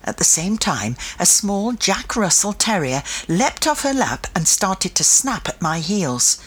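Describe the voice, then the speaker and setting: Breathy woman reading a children's story. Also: medium pitch, measured pace. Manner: expressive first-person reading. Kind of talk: storybook narration.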